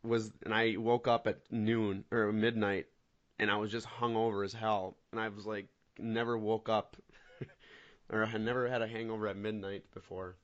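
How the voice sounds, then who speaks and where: Dull lo-fi audio carries this fairly low-pitched man in his twenties, talking at a moderate pace. Co-hosting a casual podcast chat, he tells rambling stories with animation and laughter.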